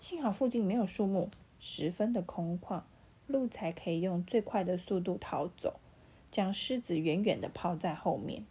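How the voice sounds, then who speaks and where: A woman reading fables aloud at bedtime, gentle and animated. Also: lowish voice, moderate pace, slightly rough. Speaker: parent reading bedtime stories.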